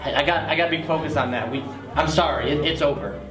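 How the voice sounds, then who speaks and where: A man playing an awkward, apologetic but firm boyfriend, talking haltingly in a skit. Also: fairly high pitch, background noise, natural voice. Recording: roomy, music underneath.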